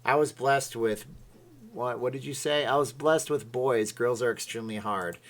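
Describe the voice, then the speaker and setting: A man's voice: medium pitch, normal speed, a bit bright. A man hosting a casual livestream, rambling and reading viewer comments aloud. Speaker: livestream host. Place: Las Vegas.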